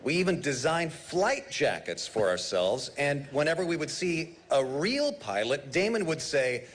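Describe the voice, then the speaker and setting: A man's voice: fairly high pitch, big pitch swings, measured pace, a little hiss or hum. A man hosting a live radio broadcast of a memorial, reading listener messages aloud. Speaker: radio host.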